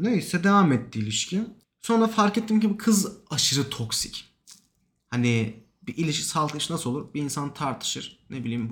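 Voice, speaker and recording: Fast, animated young man storyteller. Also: mid-range voice. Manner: animated, emotional retelling with quoted dialogue. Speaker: podcast guest. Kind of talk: casual storytelling. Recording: echoey room.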